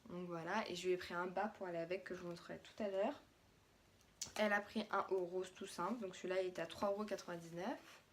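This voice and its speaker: A woman's voice: fairly low pitch, steady tone, quick pace, a little hiss or hum. A young French woman, a mother, chatting casually through a haul of her daughter's clothes with plenty of fillers and restarts.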